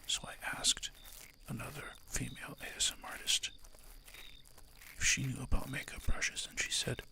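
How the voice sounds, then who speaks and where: Creaky whispering ASMR man. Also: mid-range voice, level tone, moderate pace. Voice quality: breathy whisper with creaky edges. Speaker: ASMR artist and host. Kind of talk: whispered ASMR, casual rambling chat. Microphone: close microphone through an audio interface.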